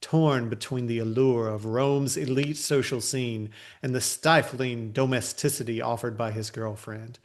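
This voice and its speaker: A man co-hosting a casual movie podcast, talking in a rambling way with lots of fillers and restarts. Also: mid-range voice. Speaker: podcast co-host.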